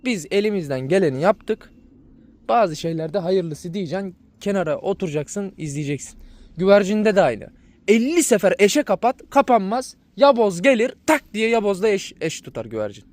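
A man's voice: high-pitched, sing-song, moderate pace, darkish tone. Exasperated man ranting to his viewers. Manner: exasperated ranting, repeats himself. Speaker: dog breeder vlogger. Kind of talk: casual vlog talk to viewers.

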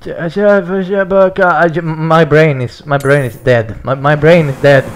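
A young man hosting a racing game let's-play, excitable and stammering, laughing and swearing as he reacts. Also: a little high, a little slow, noisy background. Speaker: gaming channel host.

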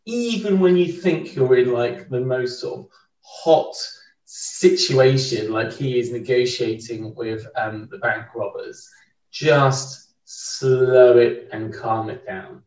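A man's voice: medium pitch, slow pace, a little mellow. A man as a podcast guest, talking through a book in a thoughtful, casual way with frequent restarts. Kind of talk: casual conversational book discussion. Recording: roomy, distant, dull remote mic.

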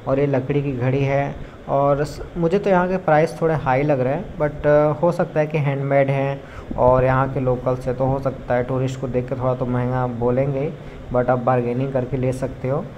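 This young Indian vlogger's mid-range voice moves at a moderate pace with little pitch variation, and the lo-fi handheld recording picks up street noise. He chats casually, calling viewers brothers, while touring a city market and streets.

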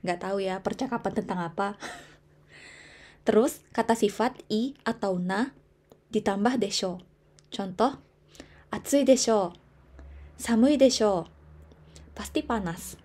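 A woman teaching a casual language lesson, slowing down to say model sentences carefully between quicker explanations. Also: medium pitch, a little mellow.

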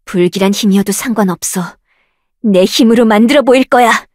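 A woman voicing a proud, confident young female researcher in a game, delivering self-assured lines and commanding skill shouts. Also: mid-range voice, brisk, dry recording, clean studio sound, lightly acted. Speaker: voice actress for a game character.

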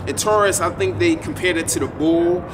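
A man's voice: high voice, normal speed. A man in his twenties talking casually to the camera outdoors at night, rambling and repeating himself. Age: 20s. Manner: rambling, repetitive, laid-back. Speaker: vlogger. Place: outdoors at night in front of a building. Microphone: camera a few feet away. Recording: distant camera mic, street noise.

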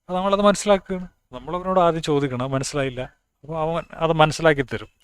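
A man from Kasaragod in northern Kerala gives a casual talk on language, speaking plainly and reasoning aloud while often restarting words. His voice is a little high and fast, with a clean tone and no echo.

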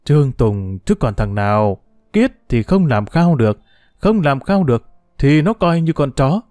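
A man narrator voicing a quick-tempered seventy-year-old village man who scolds his wife. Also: medium pitch, sing-song, darkish tone, no room sound, clean studio sound. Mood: indignant. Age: 70s.

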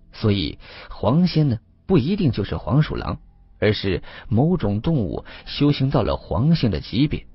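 A man narrating a serialized audio story with steady, measured emphasis. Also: lowish voice, husky, no room sound. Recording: slightly muffled with faint music.

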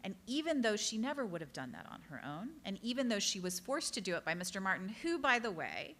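Bright-voiced woman giving an author talk. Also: mid-range voice, big pitch swings. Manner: earnest, direct storytelling with quick apologetic asides. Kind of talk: public talk to a live audience.

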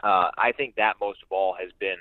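Here a man with a low, steady voice speaks at a normal pace as a radio announcer guest, analyzing sports conversationally and emphatically, often repeating himself for effect. The recording has no echo and sounds muffled and band-limited, much like a phone call.

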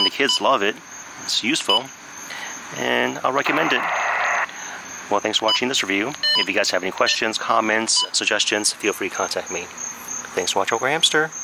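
Outdoors on his backyard deck, a thirtysomething American man reviews a product casually and hands-on, his voice low and gravelly. He talks plainly and a little hesitantly, against outdoor noise of insects and traffic.

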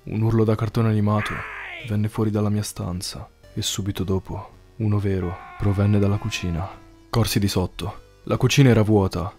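A man narrating a horror story in a measured, somber scripted read. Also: lowish voice, mellow.

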